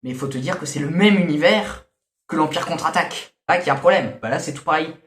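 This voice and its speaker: A man's voice: a little high, quick pace, a bit bright. Grumbling man reviewing albums in an echoey room. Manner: grumbling, hesitant, many fillers. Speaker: music reviewer. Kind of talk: casual review commentary.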